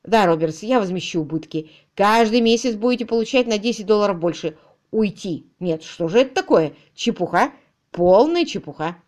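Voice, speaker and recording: A woman's voice: mid-range voice, lively intonation, moderate pace, a little mellow, close to an everyday voice. A woman voicing a stubborn older rich man who blusters and insists. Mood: blustering.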